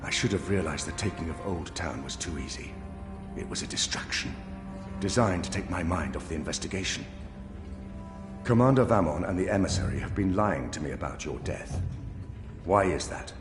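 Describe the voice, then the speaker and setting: An actor playing a stern, proud general in a video game, speaking in a grave, formal, commanding way. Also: male voice, low voice, lively intonation, moderate pace. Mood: stern, aggrieved. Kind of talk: dramatic video game acting. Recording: reverberant hall with music.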